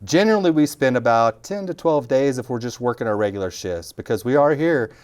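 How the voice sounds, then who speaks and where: A man's voice: medium pitch, expressive, fairly quick, darkish tone, smooth. A middle-aged man, a fire captain joking through a casual interview. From Texas Panhandle. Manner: joking, self-deprecating, talks while chewing.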